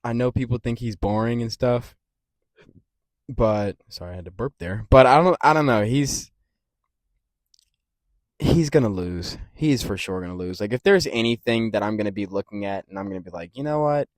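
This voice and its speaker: A man hosting a casual fight-prediction rant, rambling and swearing freely, with big jumps in loudness. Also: on the low side, normal speed, no room sound, studio quality. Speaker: MMA commentary channel host.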